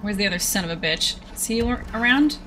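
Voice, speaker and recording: A woman hosting a casual let's-play, swearing freely and reacting out loud to the game. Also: medium pitch, animated, fast talker, slight background noise. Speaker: gaming channel host. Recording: faint game music behind.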